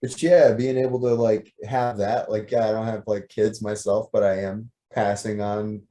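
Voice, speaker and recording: A young man with a dark, mellow voice chats as a podcast guest. He speaks easily and modestly, leaning on "like" and "you know" as he talks. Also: on the low side, moderate pace. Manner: relaxed, filler-heavy, modest. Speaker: musician guest. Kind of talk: casual interview chat.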